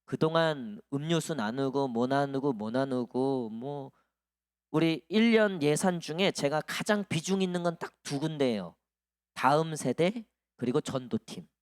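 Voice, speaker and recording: A man's voice: fairly high pitch, lively intonation, a little slow, smooth, no room sound, studio quality. A male pastor delivering a sermon in a conversational, storytelling way to his congregation. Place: church sanctuary.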